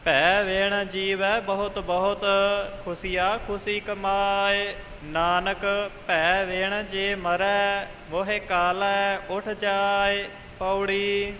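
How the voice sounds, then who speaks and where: High slow-chanting man in a hall. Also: flat delivery, bright, forceful tone. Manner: measured, melodic chanting in short phrases. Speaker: scripture reciter. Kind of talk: slow chanted scripture recitation. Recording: hall reverb with faint hiss.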